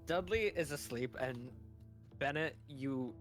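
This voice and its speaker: A woman's voice: extremely low pitch, lively intonation, slow pace, soft background music. A woman narrating as game master of a tabletop game, chatty and giggly as she sets the scene.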